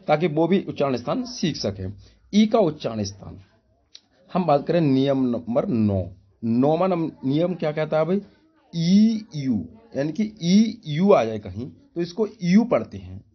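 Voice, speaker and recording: A man's voice: on the high side, lo-fi sound. A man teaching English pronunciation in a spoken lesson, asking himself repeated questions and calling his listeners brother. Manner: drills with repeated rhetorical questions. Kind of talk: classroom-style spoken lesson.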